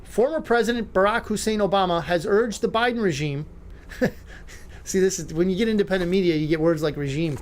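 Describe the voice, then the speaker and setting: A man with a notably high voice hosts a talk-radio show. He comments with sarcasm and mocking asides. He rambles with fillers and restarts. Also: brisk.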